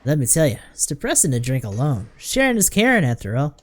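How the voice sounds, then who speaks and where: A man's voice: fairly high pitch, wildly swooping pitch, fast, a little hiss or hum. A man reading game dialogue aloud, voicing a rowdy, boastful middle-aged drunk who blusters in folksy slang. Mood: jovial.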